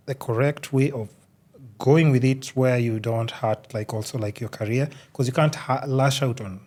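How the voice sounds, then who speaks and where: Interview host, Kenyan East African accent, medium pitch, casual chat, informal, loosely phrased. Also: fairly even intonation, normal speed, a little mellow.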